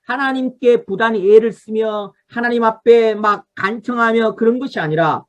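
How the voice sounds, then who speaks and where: A woman's voice: on the high side, normal speed. A woman pastor leading an online revival Bible study over a video call. She teaches from a study guide, tells listeners what to underline, and asks the congregation to respond.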